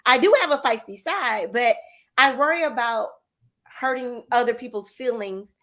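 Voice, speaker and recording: A woman hosting a talk show, chatting in a lively, casual way with her guests. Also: on the high side, normal speed.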